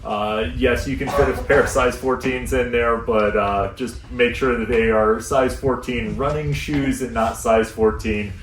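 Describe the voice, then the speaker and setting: An American man, a luggage store instructor, giving a relaxed, chatty packing seminar to a live audience in a shop. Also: mid-range voice, measured pace, hardly any pauses. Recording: echoey room, mic at a distance, faint noise.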